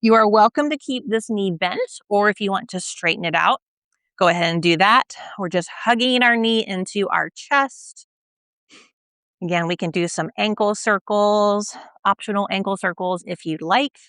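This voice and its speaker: A young stretching instructor leads a guided routine at normal speed and medium pitch, with no room sound. She's gentle and patient, checks in with the listener often, and is slightly out of breath from stretching along.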